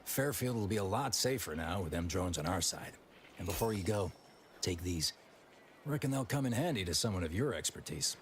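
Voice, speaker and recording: A man's voice: sits low, animated, normal speed, slight background noise. A man playing a folksy, easygoing frontier drone technician in a video game, with homespun turns of phrase. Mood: easygoing, pleased. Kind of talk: video game character dialogue.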